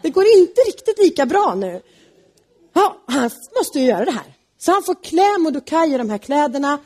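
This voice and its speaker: A woman casually retelling a Bible story, chatty and lively. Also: high-pitched.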